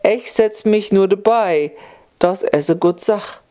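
A woman's voice: mid-range voice, takes it slowly, warm tone, close to an everyday voice. A woman voicing a kind-hearted old woman who lives alone in the woods, speaking homely, sighing Upper Hessian dialect.

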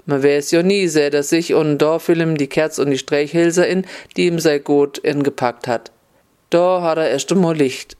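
A man's voice: on the high side, steady tone, moderate pace, a little mellow, smooth. A man reading a fairy tale aloud, telling it in a folksy way with dialect words. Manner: folksy, mixes dialect into the narration. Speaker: storyteller.

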